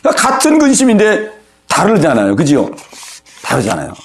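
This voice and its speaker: Lively high-pitched preaching pastor. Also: male voice, a little fast. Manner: animated preaching, acts out inner worries and prayers; calls on congregation by name, asks for amens. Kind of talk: sermon. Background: congregation answering amen.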